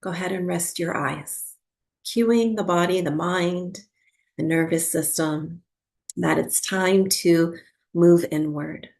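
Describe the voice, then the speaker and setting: A woman's lowish, creaky voice carries a soothing sleep meditation and breathwork instruction. She talks softly and without hurry, often pausing for a long while.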